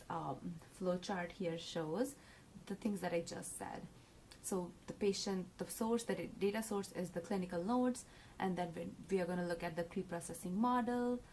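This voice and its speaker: Woman, student presenter walking through slides, earnest and halting, faint hum behind. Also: medium pitch. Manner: earnest, with fillers and self-corrections.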